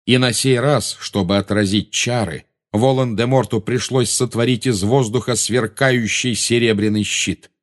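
A man narrating an audiobook in a measured, dramatic reading style. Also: medium pitch, fairly even intonation.

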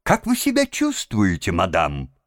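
A man playing a hearty, fussing gentleman. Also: sits low, huge pitch swings, measured pace, no echo, clean studio sound, heavily acted. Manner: solicitous, hearty exclamations.

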